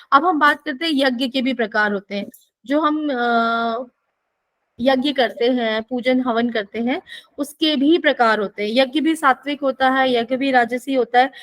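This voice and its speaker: A woman's voice: sits high, fairly bright tone, no echo. A woman giving a spiritual teaching session, explaining and often asking listeners rhetorical questions.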